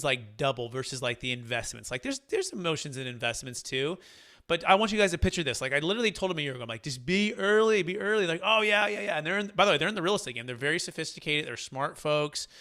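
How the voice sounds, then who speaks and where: A man in his thirties hosts a weekly webinar in a casual, animated tone. He acts out quoted dialogue and restarts his sentences often. His voice is bright, clear and a touch high. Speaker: host of a weekly tax deferral mastermind. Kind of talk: casual webinar chat, storytelling.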